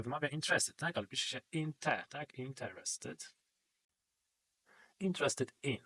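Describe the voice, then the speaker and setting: A man's voice: mid-range voice, fairly bright tone. A man teaching an English exam-prep grammar lesson and speaking English with a Polish accent, who explains step by step and keeps checking in with a questioning "right?".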